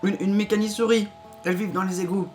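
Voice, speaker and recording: A man's voice: sits high, fairly even intonation, fast talker, a little mellow, soft background music, pitched above the performer's own voice, lightly acted. A man voicing a timid, hesitant little boy in a video game, in a childlike voice. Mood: timid, worried.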